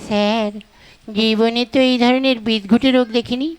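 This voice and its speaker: A woman's voice: fairly high pitch, fairly even intonation, normal speed, clear, resonant tone, close to an everyday voice. A woman voicing a dutiful, gossipy clinic nurse in a comic puppet play, speaking eagerly and deferentially. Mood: aghast. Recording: music playing behind.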